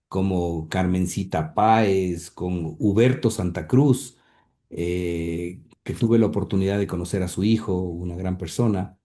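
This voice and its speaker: A man with a low, mellow voice answers interview questions about his late grandfather. As the grandson of the subject, he speaks hesitantly, using many fillers and repeating words.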